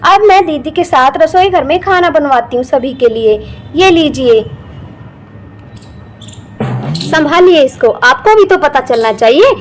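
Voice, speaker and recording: A woman's voice: sits high, lively intonation, a little slow, pauses often, slight background noise. A woman voicing a tired, chatty young aunt in a doll story, complaining as she talks. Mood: fed up. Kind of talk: doll story role-play.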